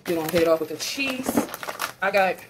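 Her voice is fairly low, lively in intonation and a little quick as she chats with her viewers, calling them y'all, while cooking in her home kitchen. It's a noisy phone recording from a camera sitting on the counter, with kitchen clatter in the background.

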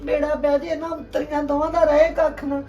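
A woman's voice: high voice, flat delivery, moderate pace, warm tone, dull audio, close to an everyday voice. An actress playing a middle-aged mother who wails and pleads with her returned daughter. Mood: weeping, pleading. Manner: wailing, pleading questions. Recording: echoey room, distant mic.

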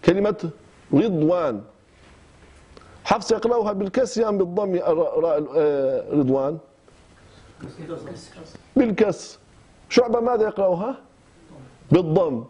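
A man's voice: sits high, lively intonation, moderate pace, pauses often, warm tone, slightly rough. A man from Iraq with an Iraqi Arabic accent, teaching recitation rules in short phrases with frequent hesitations and restarts. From Kirkuk, Iraq. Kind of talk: explaining recitation rules in class. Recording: dull lo-fi class recording.

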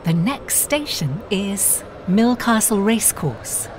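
A woman's recorded train announcement, her words spliced together piece by piece, delivered in a measured, evenly paced way. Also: medium pitch, sing-song, darkish tone, a little hiss or hum. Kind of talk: automated announcement.

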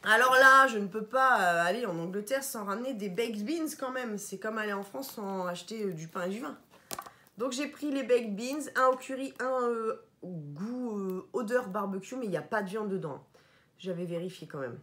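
A woman's voice: medium pitch, normal speed, a little hiss or hum. Chatty French-speaking woman vlogger at home. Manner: chatty, animated, stumbling over English product words. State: tired. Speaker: vlogger showing a shopping haul. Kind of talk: casual haul vlog chat.

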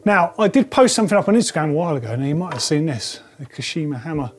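A man's voice: a little high, very animated, racing. Chatty man touring a workshop. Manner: chatty, enthusiastic, thinking aloud. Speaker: presenter. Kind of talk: casual workshop tour. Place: indoor bike workshop shed.

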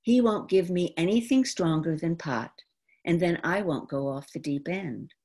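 Speaking through a computer video call microphone, this older New York actress of around seventy gives a theatrical, autobiographical monologue. She is deliberate and expressive, with a lowish voice, performing indoors at home against a folding screen.

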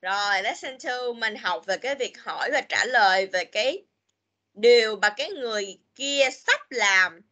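A woman's voice: on the high side, lively intonation, measured pace, bright, forceful tone. A woman teaching an online English class to children over a video call, chatty and repeating little fillers. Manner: chatty, repeats "rồi", mixes English words into Vietnamese.

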